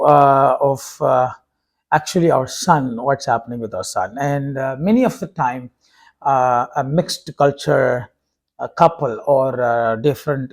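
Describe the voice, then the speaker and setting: A husky-voiced man from India, a native Tamil speaker, talks casually to the camera in a mid-range, darkish voice. He's a vlogger and preacher, and his delivery is halting, full of "uh" fillers and restarts.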